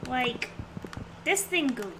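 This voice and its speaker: Taking her time, a woman with a high-pitched, expressive voice gives rambling, playful commentary as she streams a game, all in a cute anime-streamer manner. The recording has clearly noisy background sound.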